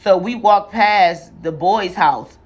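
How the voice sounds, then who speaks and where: A woman's voice: mid-range voice, slow, highs cut off. A young adult woman vlogging a casual, profane storytime, chatty and full of slang. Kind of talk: casual storytime while doing hair.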